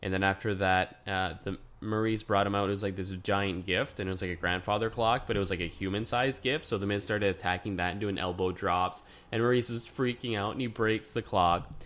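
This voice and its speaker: A man hosting a podcast, talking through a casual solo review in a chatty, excitable way with lots of fillers. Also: lowish voice, fairly quick, hardly any pauses. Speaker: podcast host.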